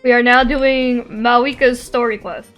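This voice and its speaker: Her voice sits on the high side, a bit bright, with fairly even intonation and an unhurried pace. Playing a game over its music, she giggles and banters casually with her viewers, reading out and replying to chat.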